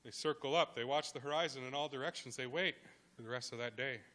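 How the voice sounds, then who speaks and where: A man tells a traditional creation legend aloud, building it with dramatic pauses and rhythmic repetition. His voice is bright and clear, and his pitch sits in the middle for a man. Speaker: guest speaker. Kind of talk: oral storytelling.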